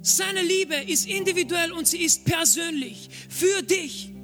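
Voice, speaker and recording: High, bright-voiced man preaching a sermon. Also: unhurried. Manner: emphatic, repeats key phrases. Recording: long hall reverb, faint music.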